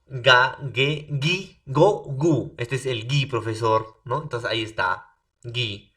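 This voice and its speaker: A man's voice: medium pitch, slow pace, distant mic. A male teacher with a Peruvian Spanish accent giving a recorded spelling lesson, often tagging "¿no?" and "profesor". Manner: animated, repeats "profesor" and "¿no?" as tags. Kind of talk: recorded remote language lesson.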